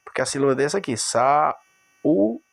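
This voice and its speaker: A man's voice: on the high side, moderate pace, creaky. A man teaching a recorded video lesson, explaining step by step, repeating key words and addressing his students directly.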